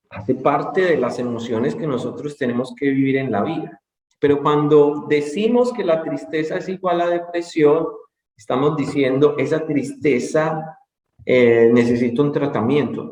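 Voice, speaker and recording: Calm man lecturing in a roomy space. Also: on the high side, unhurried. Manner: calm, explanatory, repeats key points. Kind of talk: conference lecture. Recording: roomy echo.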